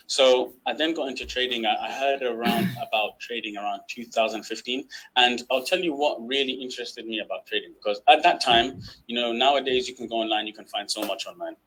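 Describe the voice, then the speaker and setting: Male trainer, lowish bright voice, chatty webinar delivery with lots of "um"s. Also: slight background noise, low-quality recording. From United Kingdom. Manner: chatty, many fillers and throat-clearing. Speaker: guest trading trainer. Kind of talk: online webinar presentation.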